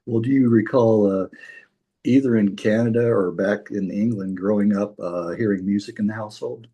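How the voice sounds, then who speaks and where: Husky low-voiced male interview host. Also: steady tone, moderate pace, mellow. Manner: friendly, laughs often, read intro. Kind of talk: casual interview hosting.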